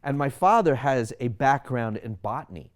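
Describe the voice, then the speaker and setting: Animated man in his sixties. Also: mid-range voice, normal speed. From Sri Lanka. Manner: animated, explanatory, rhetorical questions. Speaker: physician and wellness speaker. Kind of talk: personal monologue to camera.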